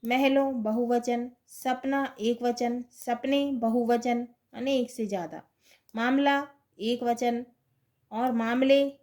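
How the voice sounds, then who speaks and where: A woman teacher with an Indian Hindi accent takes a children's lesson at a slow, unhurried pace, spelling out each answer twice. Her voice sits somewhat high, and she keeps putting questions to the class and answering them herself. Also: a little mellow.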